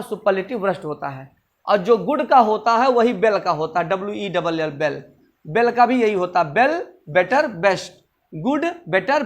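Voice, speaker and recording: A male teacher with a high-sitting voice gives a classroom grammar lesson, slowly repeating word forms and drilling each point over and over.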